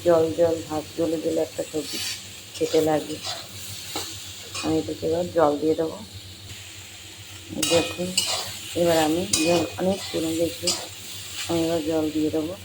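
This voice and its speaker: Hoarse home cook with a cold, gravelly flat voice, walking viewers through a recipe, sizzling pans and clattering dishes behind. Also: medium pitch, measured pace, long pauses, background noise. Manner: plain instructive, addresses viewers as friends. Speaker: home cook hosting a cooking channel. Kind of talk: cooking tutorial with step-by-step talk. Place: home kitchen.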